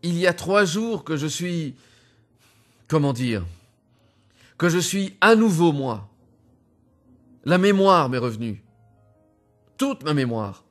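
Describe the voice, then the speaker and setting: A man voicing a husband who speaks calmly and quietly in a measured way, in a spoken story. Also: a little high, soft background music. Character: calm, cold husband regaining his memory.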